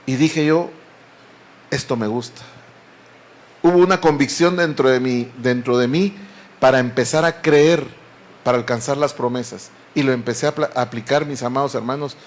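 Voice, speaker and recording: A man's voice: medium pitch, normal speed. A man preaching a sermon, earnestly and often addressing the congregation as beloved brethren.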